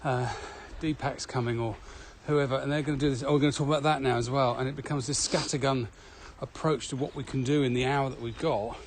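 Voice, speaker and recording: Talking fairly quickly and with hardly any pauses, the podcast co-host and trainer tells anecdotes in a casual chat on a walk. His voice is mid-range and steady, and ambient noise runs through the recording.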